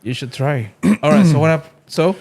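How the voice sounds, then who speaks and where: A man's voice: fairly high pitch, expressive, normal speed, a little mellow. A man hosting a podcast in casual chat, playful and teasing with his guest. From Brunei. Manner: playful, teasing, uses "bro". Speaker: podcast host.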